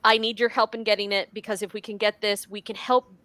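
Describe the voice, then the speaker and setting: A woman co-hosting a casual pop-culture discussion, talking in a chatty, lively way with many restarts. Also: mid-range voice, fast talker, no echo. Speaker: podcast co-host.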